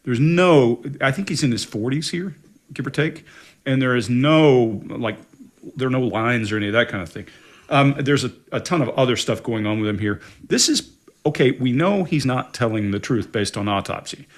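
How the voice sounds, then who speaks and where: A man's voice: medium pitch, normal speed. A man on a panel discussing deception cues in an interview clip, conversational and emphatic. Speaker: body language analyst. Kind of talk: panel video analysis.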